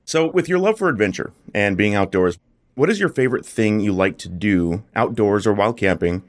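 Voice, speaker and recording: A man hosting a podcast, reading a scripted introduction and asking his guest questions in a measured way. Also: fairly low pitch, animated. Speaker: podcast host. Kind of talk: scripted podcast host narration.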